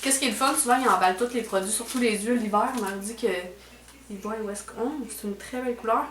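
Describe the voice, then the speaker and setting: Chatty Quebec woman with a bright voice. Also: on the high side, fast talker, a little hiss or hum. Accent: Quebec French. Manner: chatty, full of fillers and trailing "là". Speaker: beauty vlogger. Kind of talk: casual unboxing chat. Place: at home indoors. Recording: echoey room.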